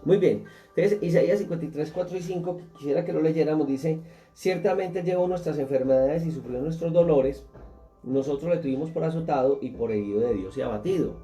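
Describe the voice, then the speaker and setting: A man's voice: on the high side, brisk, dark tone, soft background music. A man, a pastor, teaching a Bible class and speaking earnestly, putting questions straight to his listeners.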